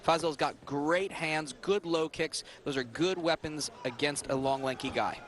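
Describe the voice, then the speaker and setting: A man's voice: on the high side, measured pace, noisy background. A man giving live fight analysis as a colour commentator in blunt, punchy phrases.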